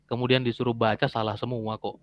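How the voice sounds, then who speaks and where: A man's voice: medium pitch, flat delivery, fast talker, dry recording, highs cut off. A man co-hosting who comments casually and stops now and then to search for words.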